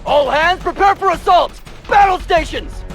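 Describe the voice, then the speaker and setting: A man's voice: very high-pitched, fast, fairly bright tone, soft background music. A man voicing a headstrong, zealous army major in an overacted anime dub. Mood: defiant, rousing.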